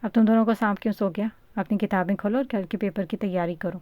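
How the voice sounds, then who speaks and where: A woman's voice: mid-range voice, steady tone, no echo, muffled recording, close to an everyday voice. Storybook: woman reading strict elder male cousin, firm, scolds. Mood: scolding.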